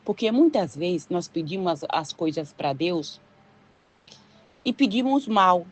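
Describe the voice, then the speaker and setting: A woman's voice: on the low side, animated, takes it slowly. An older woman with a Brazilian Portuguese accent preaching an informal sermon, chatty and full of rhetorical questions. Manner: conversational, leans on rhetorical questions and tag questions.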